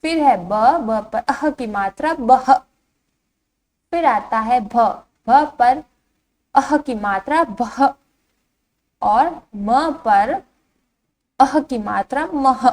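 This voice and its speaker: A woman teacher giving a patient lesson to young children, saying each syllable clearly and asking the class to repeat it. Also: sits high, animated, drawn-out words, long pauses, darkish tone. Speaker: primary school teacher. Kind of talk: slow online Hindi lesson for young children.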